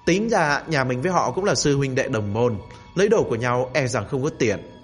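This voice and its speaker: Man doing a gruff teasing old ancestor spirit. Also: mid-range voice, lively intonation, moderate pace, soft background music, lightly acted. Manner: gruff, bantering, folksy. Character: teasing old great-grandfather spirit, male.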